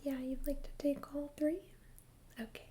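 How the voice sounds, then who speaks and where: A woman in a whispered role-play as a friendly, chatty librarian, speaking in a soft, breathy library whisper with a gentle, hesitant conversational manner. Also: high-pitched, flat delivery, normal speed. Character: friendly, chatty female librarian recommending books. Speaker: ASMR role-player as librarian.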